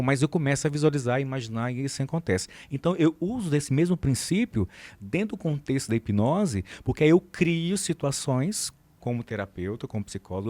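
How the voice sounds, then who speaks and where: A Brazilian man who works as a psychologist and hypnotherapist, recounting a client case in a podcast interview. His pitch moves in wide, animated swings as he slips into both voices of a dialogue. The recording is dry and close, with no room sound. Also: no echo.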